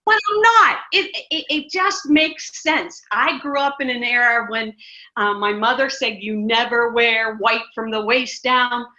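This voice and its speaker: Muffled, lo-fi audio captures a middle-aged ministry director from the United States being interviewed in a relaxed conversation. She speaks a little slowly at a fairly high pitch with a sharp tone, pressing her points emphatically and frequently starting over.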